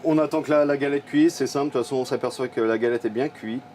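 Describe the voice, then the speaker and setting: A man's voice: mid-range voice, fast, a little hiss or hum. A man running a mobile creperie, explaining his business casually with many hesitations. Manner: relaxed, with frequent hesitations. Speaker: creperie owner interviewed. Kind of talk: casual interview.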